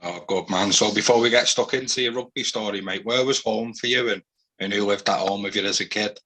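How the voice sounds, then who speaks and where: A male host asking his guest friendly, easygoing questions. His voice sits low, with a bright, forward tone and a husky edge. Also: a little fast, rough recording. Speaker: podcast host. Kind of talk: casual interview.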